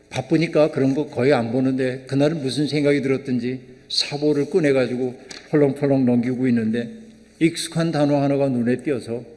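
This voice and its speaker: A man's voice: mid-range voice, darkish tone. An older male pastor preaching a conversational sermon, often asking the congregation questions. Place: church sanctuary. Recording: long reverb of a church hall.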